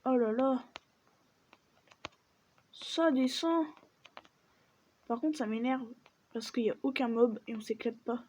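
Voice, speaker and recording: A gaming video creator with a fairly high voice takes her time, leaving long pauses as she chats casually and mutters through her let's-play, often near a whisper. Steady background noise runs under a dull, lo-fi mic.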